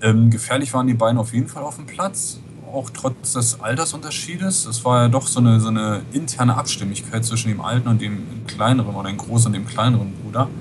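A man's voice: mid-range voice, fairly quick, few pauses. Rambling man on a noisy Skype line. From West Berlin. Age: 40s. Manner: rambling, many fillers like "halt eben". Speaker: guest. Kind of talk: casual interview. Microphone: Skype call.

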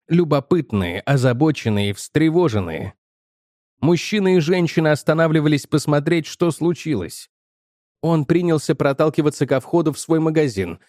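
A man narrating an audiobook in a measured, tense storytelling manner. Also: fairly high pitch, a little mellow, dry recording, studio quality.

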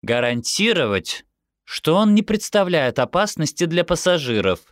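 Man voicing an officious woman official, formal, reciting rules, high-pitched. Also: very animated, moderate pace, no room sound, studio quality. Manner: formal, reads out conditions. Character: officious female cruise ship official.

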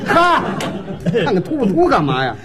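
Crosstalk sidekick guy, high lively voice, lots of hiss. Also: crowd noise. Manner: quick interjecting replies and retorts. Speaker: crosstalk straight man. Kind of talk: crosstalk stage comedy.

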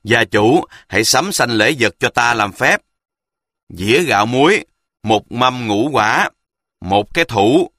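A man's voice: mid-range voice, pushed and bright, dry recording. A man voicing a pompous, domineering middle-aged male sorcerer who speaks in a commanding, grandiose way.

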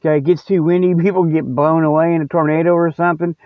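A man hosts a comic mock newscast at a quick pace, his high-leaning voice holding a steady tone. He rambles in a folksy, colloquial, casual and jokey manner. The audio is narrow and phone-like, dry, with no room sound.

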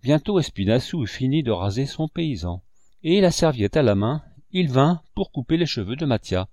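A man narrating an audiobook with a mid-pitched voice and animated, rising and falling intonation. His storytelling is expressive and measured. The recording is close and dry, with no room sound. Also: no echo. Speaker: audiobook reader.

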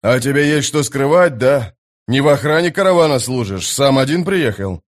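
A gruff, suspicious guard sergeant, as a male narrator voices him who talks bluntly and accusingly. He is a soldier spoiling for a fight in this storybook reading. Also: medium pitch, animated, moderate pace, voice pushed up, close to an everyday voice.

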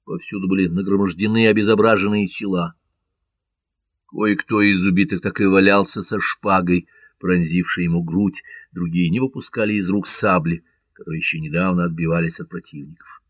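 Low-voiced man narrating an audiobook. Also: steady tone, no echo, dull audio. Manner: measured, dramatic reading.

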